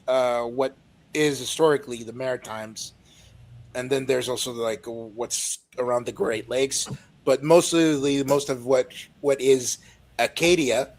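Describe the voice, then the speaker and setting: A man from French-speaking Ontario with a French Canadian accent, a native French speaker, chatting casually and hesitantly as he searches for words and apologizes. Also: mid-range voice. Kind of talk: casual chat on a live call-in show.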